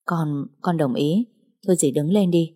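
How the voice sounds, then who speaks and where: A woman doing a calm, reluctant young man. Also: low voice, slightly rough. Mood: soothing. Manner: slow, soothing, hesitant.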